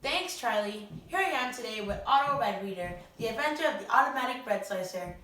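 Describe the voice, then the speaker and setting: A young woman plays a chirpy, theatrical 1920s radio host, sprinkling her talk with old-time slang. Her slightly high, somewhat bright voice is animated and brisk, and she comes across as gracious and chatty. The recording sounds roomy, with a distant mic and faint noise.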